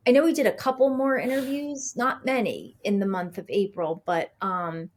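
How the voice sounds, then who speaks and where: A woman's voice: mid-range voice, normal speed, slight background noise. Chatty woman telling a story in an interview. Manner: chatty, animated storyteller who acts out quoted dialogue; frequent fillers and restarts. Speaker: author and podcast guest.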